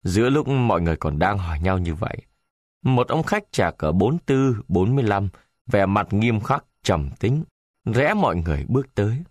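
A man narrating a story in an expressive way. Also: lowish voice, normal speed, dry recording, studio quality.

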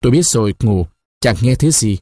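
A man's voice: mid-range voice, expressive, fairly quick, a little mellow, dry recording, studio quality, lightly acted. A man voicing a timid young village girl who pleads tearfully with her lover. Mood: reproachful.

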